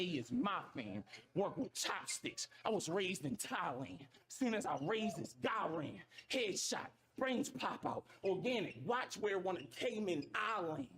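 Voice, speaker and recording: A man hosting a livestream, reacting to a rap battle by rapping along with the bars and breaking into loud outbursts. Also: a little high. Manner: repeats lines with loud outbursts. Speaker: livestream host. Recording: loud crowd noise behind.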